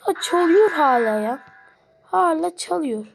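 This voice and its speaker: A woman giving excitable live gameplay commentary, pleading and yelling at the game. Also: extremely high pitch, measured pace, vocal fry, noisy background. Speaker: gamer.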